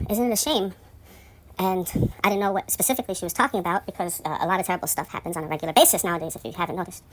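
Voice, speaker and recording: A woman telling a rambling story in a casual monologue, profane and indignant, her voice climbing high and loud when outraged.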